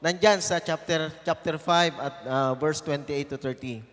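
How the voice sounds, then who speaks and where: A man in his fifties with a Filipino accent preaches a sermon as guest pastor in a church, his voice echoing through a large hall. He speaks at normal speed with a fairly high, fairly bright voice, emphatic and repeating phrases for stress.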